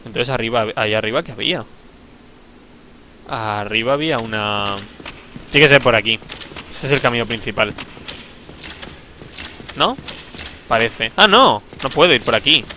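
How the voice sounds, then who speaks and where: A man's voice: medium pitch, normal speed, long pauses, pushed and bright, a little hiss or hum. A young man, casually commenting on a game he is playing, joking and bursting out. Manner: chatty, joking, talking to himself, sudden outbursts. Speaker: streamer. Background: game music.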